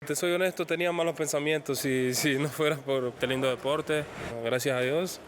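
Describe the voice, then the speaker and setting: A young man with a Colombian accent, speaking earnestly and haltingly in a documentary interview. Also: a little high, steady tone, slight background noise. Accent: Colombian Spanish. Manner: halting, repeats words, earnest. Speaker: professional footballer.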